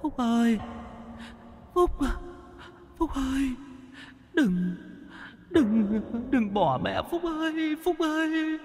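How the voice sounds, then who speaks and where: Wailing ghost of an old mother in a spoken horror tale, high and faint, voiced by a man. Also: lively intonation, drawn-out words, pauses often, long reverb tail, exaggerated voice. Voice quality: high, thin, moaning wail.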